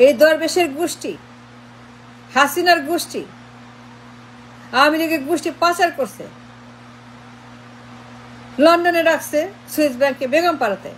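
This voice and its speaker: A woman with a high voice, hammering away with question after question in a heated political rant. She mixes Bengali and English in her demands. Faint traffic hum sits behind her. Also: normal speed, long pauses, poor audio. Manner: confrontational, fires repeated rhetorical questions; switches between Bengali and English. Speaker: political commentator. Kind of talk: impassioned online political monologue.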